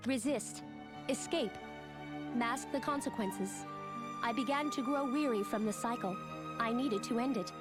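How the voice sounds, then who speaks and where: A woman's voice: fairly high pitch, unhurried, long pauses, close to an everyday voice. A woman voicing a guilt-ridden young female android in a video game, with a formal, robotic delivery. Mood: remorseful. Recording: game audio with music behind. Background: game background music.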